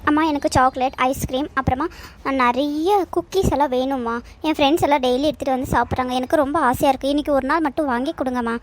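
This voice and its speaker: A woman's voice: sits high, steady tone, fast, close to an everyday voice. A woman voicing a small cartoon child who whines and pleads for treats. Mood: pleading. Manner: whiny, pleading.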